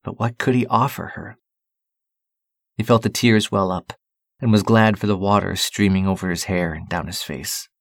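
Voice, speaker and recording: Male narrator, lowish voice, calm, steady storybook reading, close dry sound. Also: moderate pace, creaky, no echo.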